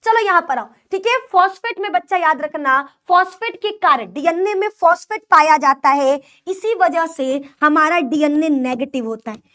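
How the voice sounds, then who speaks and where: Young female biology tutor, UP-Bihar accent, very high voice, repetitive call-and-response lecturing. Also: lively intonation, normal speed, hardly any pauses, fairly bright tone. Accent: UP-Bihar Hindi. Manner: repetitive, call-and-response teaching with mnemonic jokes. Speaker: biology teacher. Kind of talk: online class lecture.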